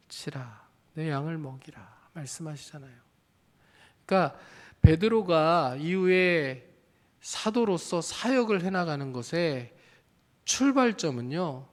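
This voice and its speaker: A man preaching a sermon as a pastor in a church, speaking earnestly and putting questions to his listeners. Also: fairly high pitch. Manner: earnest, addresses the congregation with questions.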